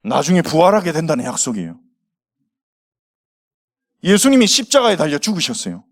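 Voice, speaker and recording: A man's voice: on the high side, huge pitch swings, a little fast. A male pastor preaching to young people, telling the story with acted quotes and asking the audience questions. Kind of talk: sermon to teenagers.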